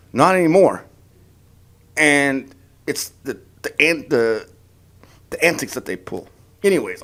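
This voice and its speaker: A man's voice: high-pitched, fairly bright tone. A man ranting in a political opinion vlog, heated and sarcastic, stumbling over and repeating his words as he mocks the people he disagrees with. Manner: heated and sarcastic, mocking voices of opponents; repeats words and restarts often. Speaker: political vlogger.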